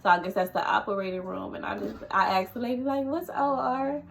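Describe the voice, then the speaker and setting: A woman speaks to her camera, retelling a painful personal story in a halting, shaken way. Her pitch sits in an ordinary middle range, and she stumbles through fillers and restarts. A faint hiss of room noise stays under her voice. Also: creaky, fairly bright tone, low-quality recording. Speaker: vlogger.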